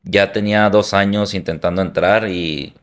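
A man from Hermosillo speaks with a Sonoran Mexican accent in a very low, steady voice that barely rises or falls. As a football coach and former player, he gives earnest, reflective interview answers. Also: normal speed. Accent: Sonoran Mexican Spanish.

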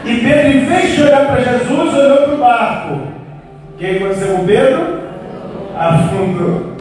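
A man preaching a lively, joking, storytelling sermon. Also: extremely high pitch, unhurried, background noise. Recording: echoey church hall, far mic, faint music.

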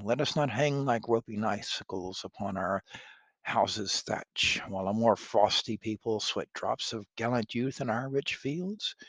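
A man's voice: on the low side, dry recording. A man voicing a proud, indignant French nobleman, declaiming Shakespearean verse.

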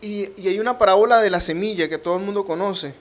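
High-voiced fervent male radio preacher. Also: fast. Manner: fervent, repetitive, pleading phrasing.

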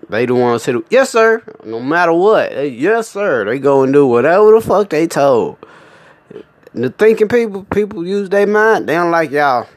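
A young man with a fairly high voice delivers a profane comic rant at a moderate pace in a dry recording. He's animated and emphatic, swearing often and laughing frequently.

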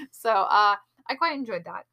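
A woman's voice: mid-range voice, expressive, measured pace, pushed and bright. A woman co-hosting a podcast, casually breaking down a TV episode in analytical detail, with lots of "like" and "um". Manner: chatty, analytical, many fillers like "like" and "um". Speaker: podcast co-host. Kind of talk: casual chat reviewing a TV episode.

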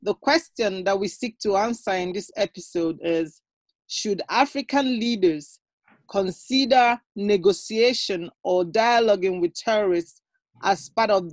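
A woman's voice: medium pitch, no echo. Woman hosting in a dry, close sound. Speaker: podcast host. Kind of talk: scripted podcast introduction.

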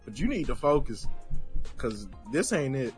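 A man's voice: mid-range voice, sing-song, moderate pace, soft background music. A young man co-hosting a casual podcast, ranting bluntly and repeating his points for emphasis. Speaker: podcast co-host. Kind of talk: casual opinionated chat.

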